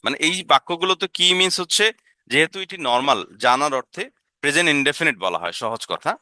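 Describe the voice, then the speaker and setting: A man's voice: fairly high pitch, expressive, fairly quick, sharp tone, no room sound, clean studio sound. A man with a Bengali accent teaching an English lesson, explaining sentences step by step and asking his listeners to look again.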